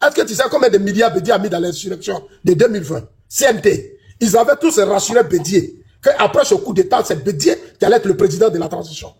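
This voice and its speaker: Fast-talking high-voiced man arguing. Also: lively intonation, a little mellow, husky. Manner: insistent, accusatory, repeats himself. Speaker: panelist on a live stream. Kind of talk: heated live panel debate.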